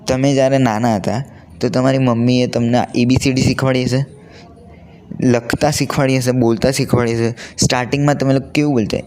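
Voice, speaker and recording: This is an off-the-cuff, casual pep talk to camera from a teenage vlogger with a Gujarati accent, delivered earnestly in colloquial speech mixed with English. His mid-range voice is a little mellow and flat in delivery. He talks slightly fast.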